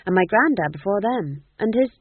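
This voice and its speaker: A man's voice: high voice, lively intonation, moderate pace, slightly rough, voice pushed up. A man voicing a nervous young court fool, eager and stammering, on tinny audio.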